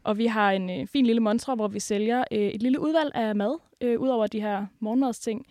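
A woman's voice: a little high, darkish tone, dry recording, clean studio sound. A woman guest telling work stories in casual chat, with many hesitant fillers. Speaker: podcast guest, café worker. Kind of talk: casual storytelling.

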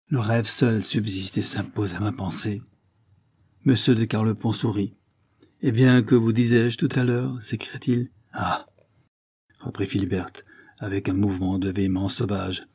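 A man reading a classic French novel aloud as an audiobook, in measured scripted narration. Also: fairly low pitch, warm tone, breathy edge. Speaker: audiobook reader.

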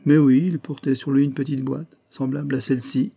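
A man's voice: mid-range voice, little pitch movement, brisk, gravelly, warm tone, pitched above the performer's own voice. A man voicing an emphatic male investigator who lays out the truth of a crime, his voice raised and pressing. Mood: probing. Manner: emphatic, probing, raised and tense. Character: sharp, insistent male investigator unveiling a crime.

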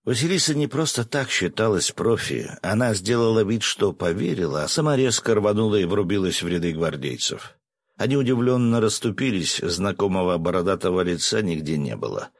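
A man narrating an audiobook in an expressive, animated reading. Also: fairly low pitch, fairly quick, no room sound, clean studio sound.

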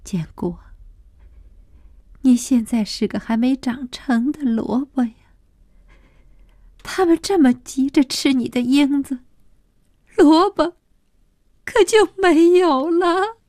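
An angry young wife in a radio novel, cried out high and loud, as a woman narrator puts her on. The voice swoops widely, lands hard on each phrase, and is recorded close and dry. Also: animated, slow, long pauses, no room sound. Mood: tearful pleading. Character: angry pregnant young wife, fierce and tearful. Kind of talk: audiobook character voice.

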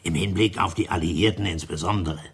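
An actor playing a grave middle-aged committee leader in a radio drama, speaking in a husky, earnest, formal manner. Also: male voice, low voice, a little fast, exaggerated voice. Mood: guarded. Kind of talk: 1960s-style radio drama acting.

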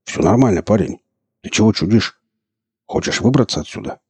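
A gruff veteran male stalker speaks slowly and steadily, as a man voices him. The voice is low and dark, with a husky edge. It sounds close and dry. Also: animated, full character voice. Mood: steady.

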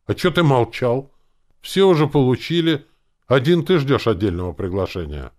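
A man voicing a crafty, flustered uncle who blusters excitedly. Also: lowish voice, moderate pace, pitched above the performer's own voice. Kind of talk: audiobook character voice.

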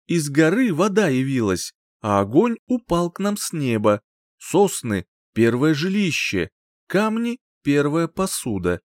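A man voicing a boastful, hot-tempered young rival who boasts and rages in a shrill tone. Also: sing-song, no echo, clean studio sound. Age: young adult. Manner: boastful, shrill, quick to rage.

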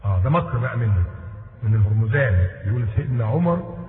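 Animated Egyptian preacher, tinny hall recording. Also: male voice, mid-range voice, quick pace. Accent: Egyptian Arabic. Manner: animated, acts out dialogue in shifting voices. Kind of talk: sermon storytelling. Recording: tinny lo-fi audio in echoey hall.

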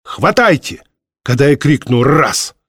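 A man voicing a brave young male leader who shouts urgent, commanding orders. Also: medium pitch, lively intonation, unhurried, breathy edge, no echo, clean studio sound, voice pushed up.

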